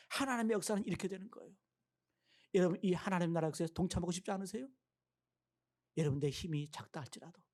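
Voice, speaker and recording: A middle-aged man preaching a sermon as a pastor in a church, emphatic, questioning the congregation and rising, then dropping low. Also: darkish tone. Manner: voices prayers and quoted speech. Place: church sanctuary.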